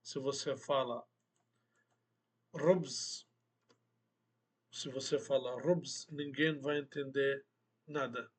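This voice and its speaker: A man teaching a language lesson, speaking slowly and deliberately, repeating words for emphasis. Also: medium pitch, little pitch movement, breathy edge. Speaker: Arabic teacher.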